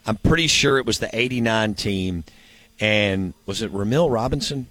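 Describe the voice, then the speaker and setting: A man's voice: on the low side, moderate pace, fairly bright tone, no echo. A man hosting a sports show, chatting casually and rambling as he thinks aloud and asks himself questions. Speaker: sports radio show host.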